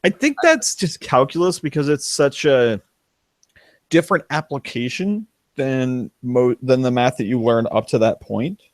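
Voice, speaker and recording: A man's voice: medium pitch, lively intonation, measured pace, no room sound. A young man talking as a podcast guest, rambling, restarting his sentences and laughing. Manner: rambling, self-interrupting, laughs. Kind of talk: casual chat.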